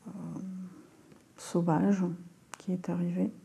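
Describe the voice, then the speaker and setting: A woman from Ukraine, a lawyer, giving a halting, emotional testimony in a recorded video. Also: lowish voice, little pitch movement, gravelly, warm tone. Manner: halting, emotional, many fillers.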